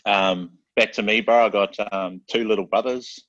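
A man's voice: on the low side, fairly even intonation, moderate pace, fairly bright tone, no room sound, highs cut off. A man from South Auckland with a New Zealand accent, chatting casually as a podcast guest in a laid-back, slangy way, dropping "bro" into nearly every phrase. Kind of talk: casual chat.

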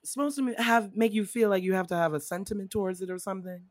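A woman's voice: medium pitch, fast, no room sound, studio quality. A young adult woman co-hosting a podcast, ranting casually about movies, swearing freely and acting out quotes. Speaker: podcast co-host.

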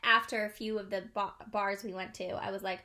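A woman's voice: medium pitch, level tone, brisk, pushed and bright. A young woman co-hosting a casual chat at home, telling a rambling story and laughing often. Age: young adult. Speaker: co-host. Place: at home, indoors.

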